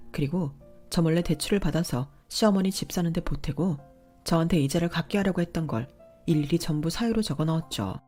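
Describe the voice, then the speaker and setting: A woman's voice: deep voice, dark tone. A woman narrating a first-person story in an aggrieved, firm, emotional way, acting out her own side of the quarrels.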